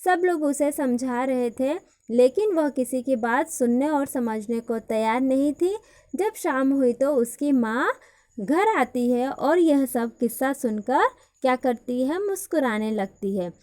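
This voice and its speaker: A woman's voice: high-pitched, expressive, measured pace, darkish tone. A woman teacher reading a Hindi story aloud to a class, then retelling each part in simple words and asking questions. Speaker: school teacher.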